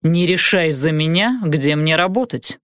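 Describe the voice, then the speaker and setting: A woman voicing a sarcastic exiled male aristocrat who speaks in a dry, measured way. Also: sits low, lively intonation, dry recording, voice pushed down. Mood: sardonic.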